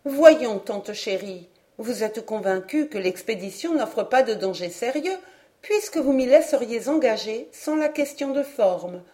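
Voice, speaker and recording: A woman's voice: on the high side, expressive, a little slow, dark tone. A woman voicing an eager, determined young woman who speaks in a pleading, enthusiastic, persuasive way in an audiobook.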